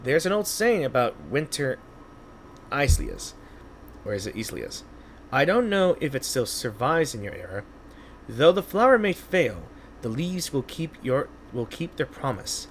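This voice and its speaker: A man's voice: medium pitch, big pitch swings, a little slow, a little hiss or hum, low-quality recording. Man reading as solemn, theatrical ancient guardian woman.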